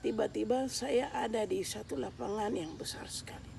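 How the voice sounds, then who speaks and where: A woman giving a spoken religious testimony, telling her story earnestly and building to loud, tearful intensity. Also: a little high, normal speed, gravelly, a little hiss or hum.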